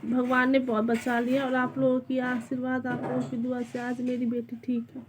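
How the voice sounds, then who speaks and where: A woman's voice: sits high, completely flat delivery, normal speed, noisy background. A young woman vlogging casually from a small rented room at home, anxiously telling how a scare unfolded. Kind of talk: casual home vlog chat.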